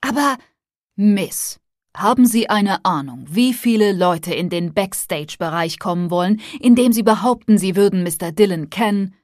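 A woman's voice: mid-range voice, moderate pace, a little mellow, dry recording, studio quality, close to an everyday voice. A woman reading an audiobook, voicing a stern, skeptical male security guard who talks in a firm, raised voice. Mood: incredulous. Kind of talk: audiobook character voice.

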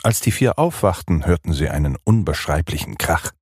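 A man reading a children's story aloud in a calm, measured way. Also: deep voice, husky, no room sound, clean studio sound.

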